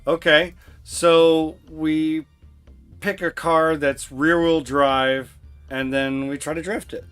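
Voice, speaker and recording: An easygoing man talks his way through a racing game livestream at an unhurried pace, musing aloud as he clicks through menus. Faint music plays behind him. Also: fairly high pitch, flat delivery, fairly bright tone, clear, resonant tone. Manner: easygoing, thinks aloud while picking menus. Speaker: streamer. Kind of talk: casual gameplay livestream chat.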